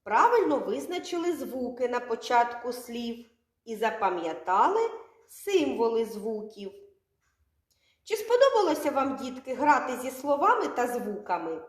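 A woman teaching young children their first letter sounds, stretching words out slowly and asking the class questions. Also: on the high side, sing-song. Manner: slow, drawn-out sounds, asks children questions. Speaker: kindergarten teacher. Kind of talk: literacy lesson for young children. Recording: echoey room, from far off.

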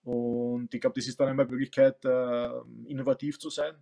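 Flat-voiced Austrian man on a video call. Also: mid-range voice, a little fast. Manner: thoughtful, many fillers and restarts. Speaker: football coach and teacher. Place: home room with bookshelves. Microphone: webcam on video call.

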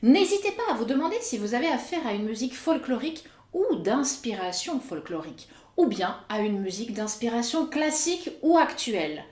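A woman's voice: fairly high pitch, sing-song, darkish tone, echoey room. A woman teaching pronunciation, explaining each rule and carefully sounding out example words. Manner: slow, careful over-articulation of example words. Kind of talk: explanatory lesson.

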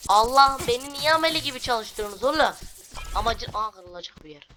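A woman's voice: fairly high pitch, animated, fairly quick, a little hiss or hum. A woman hosting a let's play, grumbling and complaining in a casual, exasperated way while she plays. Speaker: gaming video host. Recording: loud background game music.

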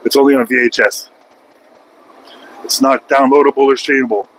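An American man in his forties talks his way through a night drive in his truck cab, rambling and poking fun at himself. His voice sits at an ordinary middle pitch, and a faint hum of road and engine noise runs underneath. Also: level tone, moderate pace, low-quality recording. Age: 40s. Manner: rambling, self-mocking, joking. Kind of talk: casual vlog monologue while driving.

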